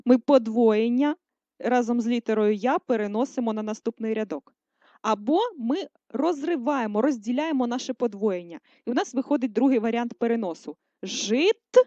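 A female primary school teacher giving a recorded writing lesson, dictating words slowly and clearly for first graders. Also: fairly high pitch, mellow, no echo. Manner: slow, clear dictation, syllable by syllable. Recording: dry, dull lo-fi voice recording.

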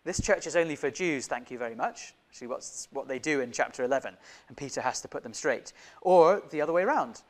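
A young man preaching a sermon in a church, who grew up in Indonesia, talking with lively gestures and asking many questions of the congregation. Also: mid-range voice, fast talker, few pauses. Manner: animated, gestures broadly, many rhetorical questions. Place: church hall, indoors. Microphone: lapel mic.

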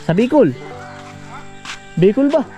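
A man's voice: very high voice, sing-song, takes it slowly, music in the background. A man vlogging outdoors in rural woodland, chatting casually and coaxing and cautioning someone as he goes. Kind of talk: casual outdoor vlog narration.

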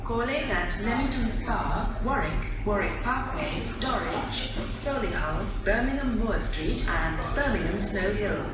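A woman's voice making automated station announcements over a platform loudspeaker, clipped and evenly paced. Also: mid-range voice, lively intonation, unhurried, few pauses. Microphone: recorded from the platform. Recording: echoey platform, far off, noisy.

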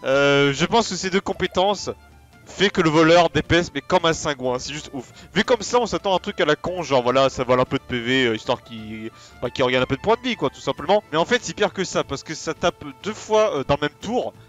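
A man commenting on a game in a casual, excitable way, rambling with slang and fillers. His voice sits a touch high. Faint game music runs underneath. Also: brisk. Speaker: let's play host.

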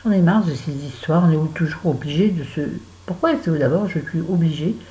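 A woman's voice: deep voice, fairly quick, dark tone, low-quality recording. A middle-aged woman vlogging while she does her make-up, chatting and telling a story with exasperated asides. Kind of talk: casual chit-chat while doing make-up.

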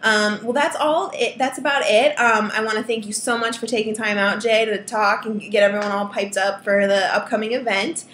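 A woman's voice: mid-range voice, steady tone, normal speed, few pauses, a bit bright. A young woman hosting an interview, friendly and chatty with fillers, over a webcam video call from a room at home. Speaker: interview host. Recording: roomy webcam audio, faint noise.

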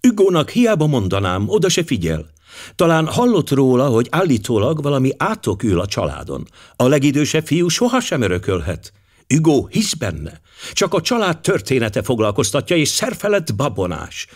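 A man's voice: mid-range voice, huge pitch swings, pitched above the performer's own voice. A man voicing a worried American mother, speaking earnestly and pleadingly. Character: anxious American mother, middle-aged woman.

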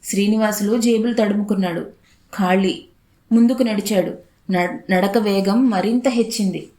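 A woman reading a literary short story aloud in a steady, unhurried narrating voice. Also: mid-range voice, echoey room.

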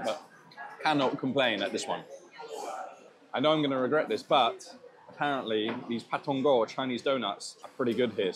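A man tasting and describing street food in a casual food vlog, chatty and enthusiastic, laughing at himself now and then. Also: mid-range voice. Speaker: food vlogger. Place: restaurant and bakery in Thailand.

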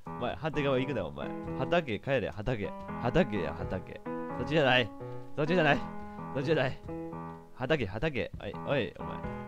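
A man with a doing casual game commentary, rough and bossy, scolding and muttering to himself. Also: mid-range voice, big pitch swings, moderate pace, dull audio. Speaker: game streamer. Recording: game video with loud background music.

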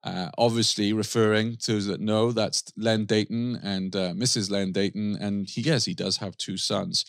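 A man's voice: lowish voice, fairly even intonation, moderate pace, gravelly, dry recording, studio quality. A man hosting a podcast, giving a casual, enthusiastic book review with frequent restarts. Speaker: podcast host.

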